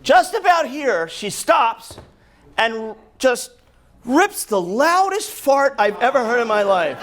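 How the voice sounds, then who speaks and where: A man from New Jersey with a New Jersey accent doing a brash, profane stand-up set, singing and shouting bits on a comedy club stage. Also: very high-pitched, very animated, slow. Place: comedy club stage before a laughing audience. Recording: live club crowd audible.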